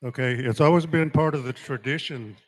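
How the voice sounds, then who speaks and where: A man working as a powwow emcee, announcing honorees and calling people up in a deliberate, ceremonial way with pauses. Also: medium pitch, low-quality recording.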